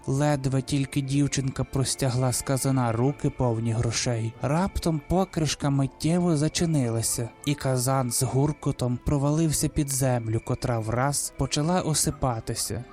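A man reading a gothic folk tale aloud in a measured, deliberate way. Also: a little high, mellow. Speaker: audiobook reader. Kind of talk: scripted storybook narration.

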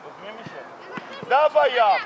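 A man coaching a youth football team from the touchline, shouting urgent short commands and players' names outdoors. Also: sits high, very animated, moderate pace. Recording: noisy outdoor crowd recording. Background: crowd and street noise.

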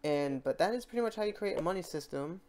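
The host of this software tutorial has a mid-pitched voice and talks over the screen capture off the cuff, informally thinking each step through aloud and rambling a little. The pace is fast and animated.

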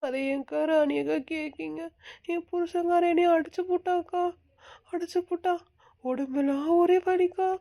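A woman doing a creaky, whiny young wife. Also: very high-pitched, steady tone, normal speed, dark tone. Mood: complaining. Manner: whiny, complaining, stubborn. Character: young married woman, weepy, stubborn and proud. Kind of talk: home-made comic skit.

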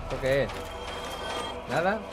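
A man's voice: medium pitch, very animated, unhurried. A young man with a Spain Spanish accent giving rambling, casual gameplay commentary, swearing often and talking to his viewers. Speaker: gaming channel host. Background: game music.

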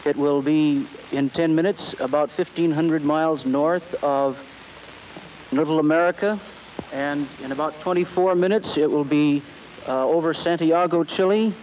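Higher male reporter, dull hissy recording. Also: steady tone, moderate pace, darkish tone. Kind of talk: factual broadcast report. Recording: dull, faintly hissy archival broadcast.

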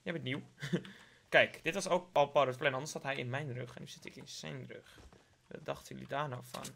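A man's voice: mid-range voice, steady tone, fairly quick, gravelly, fairly bright tone, a little hiss or hum. A young man from the Netherlands with a Dutch accent, giving playful live gameplay commentary, joking with his viewers and dropping English slang. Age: young adult. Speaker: gaming YouTuber.

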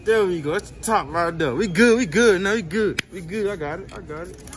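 A man's voice: sits high, brisk, fairly bright tone. A young man, cigarette in his mouth, mumbling slangy repeated lines in a comedy skit. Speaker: comedy sketch creator.

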